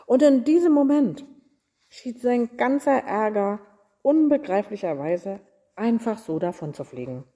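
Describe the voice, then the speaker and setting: A woman reading Christmas stories aloud in a measured, deliberate storytelling manner. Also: a little high, lively intonation, mellow. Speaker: reader.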